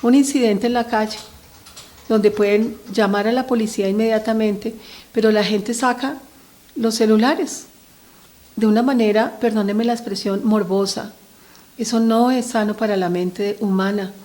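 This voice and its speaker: An earnest middle-aged woman speaks straight to parents at a medium pitch. She talks about raising children with steady conviction and keeps drawing her listeners in with little questions. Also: normal speed. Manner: earnest, speaks directly to parents, frequent "¿cierto?" tag questions. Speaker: speaker on family mental health. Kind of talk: talk addressed to parents.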